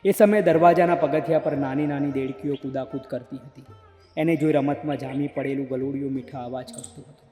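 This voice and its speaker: A man narrating a novel as an audiobook in a measured, literary reading style. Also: medium pitch, fairly even intonation, warm tone. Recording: echoey hall with faint music.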